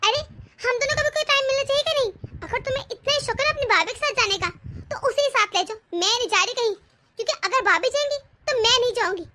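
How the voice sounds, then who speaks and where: A woman voicing a jealous, sharp-tongued young wife who complains indignantly in a cartoon story. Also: extremely high pitch, slight background noise. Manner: complaining, indignant, quick to snap.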